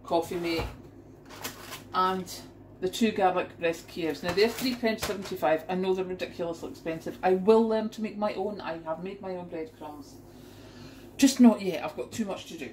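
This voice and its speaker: A woman's voice: fairly low pitch, moderate pace, crowd noise, low-quality recording. A middle-aged woman from the UK chatting to camera in her home kitchen as she unpacks her shopping, exclaiming at the prices. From United Kingdom. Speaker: vlogger showing a grocery haul. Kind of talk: casual chat to camera. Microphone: camera pointed down at a kitchen counter.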